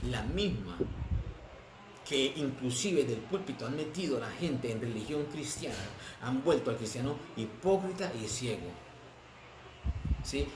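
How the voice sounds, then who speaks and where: A man preaching a sermon as pastor, drawing words out for stress and asking the congregation rhetorical questions. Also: medium pitch. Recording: echoey room with noise.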